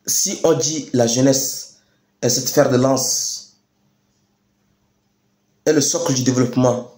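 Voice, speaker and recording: A young man speaks in an echoey space with a Chadian French accent. He delivers a rousing political address, deliberate and emphatic. He leans on repetition and rhetorical questions to drive his words home. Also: medium pitch, steady tone, mellow. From Chad. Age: young adult. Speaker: youth activist speaker. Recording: echoey room sound.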